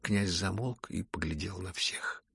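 A man with a low, deeply husky voice reads a classic novel in measured, steady narration. There is plenty of gravel in the tone. The read is close and completely dry. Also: dry recording. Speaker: audiobook narrator. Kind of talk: literary audiobook narration.

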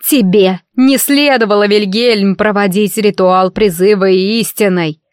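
A woman voicing a haughty older noblewoman, mother of an emperor, who hisses venomous, shrill reproaches in an audiobook. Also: normal speed, no room sound, clean studio sound, lightly acted. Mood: reproachful.

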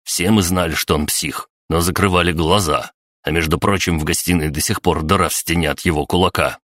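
A man's voice: low-pitched, fairly even intonation, a little fast, fairly bright tone, no room sound, clean studio sound. Man doing a blunt camp survivor.

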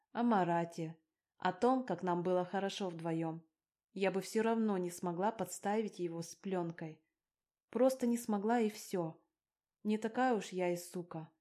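A woman narrating a first-person story as an audiobook reader, with even, unhurried delivery. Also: fairly low pitch.

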